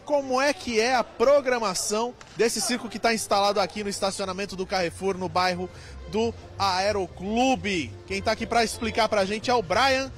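A man's voice: high voice, moderate pace, a bit bright. A Brazilian man in his thirties reporting live on location and interviewing people as a TV reporter. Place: large circus tent. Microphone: handheld microphone. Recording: music playing behind.

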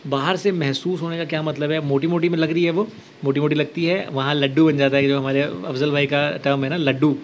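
A man's voice: fairly high pitch, fairly even intonation, brisk, a little hiss or hum. A man from Uttarakhand hosting a casual live stream, reading viewer comments aloud and answering them with easygoing reassurance. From Uttarakhand, India. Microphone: headset.

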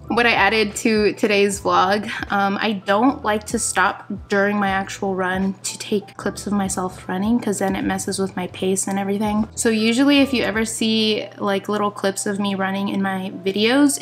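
A young adult woman talks to her camera at home in a casual, candid way. Her voice sits at a middle pitch. She is conversational and a little self-deprecating, like a personal vlog recorded in a kitchen. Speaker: vlogger. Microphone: camera at about arm's length.

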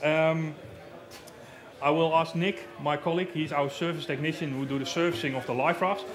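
There's crowd noise behind this man, whose slightly high voice keeps a fairly even intonation at a moderate pace. A Dutch-accented safety equipment rep in his thirties, he's demonstrating live on stage in a large outdoor-show marquee through a headset mic, explaining plainly with plenty of fillers.

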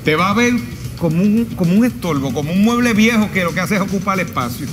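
An actor playing a blunt, mocking pessimist friend in a TV comedy sketch. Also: male voice, high voice, lively intonation, fast, music in the background. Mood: gloomy.

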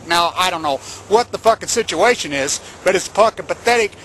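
A vlogger ranting angrily, swearing nonstop at the news. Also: female voice, lowish voice, expressive, brisk, fairly bright tone, a little hiss or hum. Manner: furious, swears constantly. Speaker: video ranter. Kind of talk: angry profane rant.

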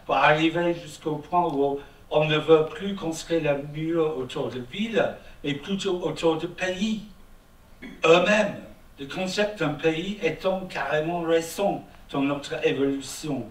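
A man with a British accent, speaking French, reads a wry, slangy text aloud to an evening audience. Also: a little high. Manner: dry, ironic, slangy delivery. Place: event hall. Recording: echoey hall, mic from far off.

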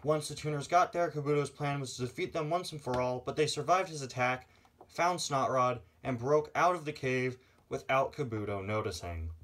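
A man narrating a toy car story in a relaxed, chatty recap. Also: medium pitch, moderate pace.

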